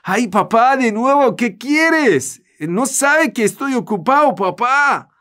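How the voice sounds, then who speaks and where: Man putting on an irritated grown son, whiny, exasperated, very high-pitched, Persian accent. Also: animated, takes it slowly, pushed and bright, full character voice. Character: irritated grown son snapping at his old father.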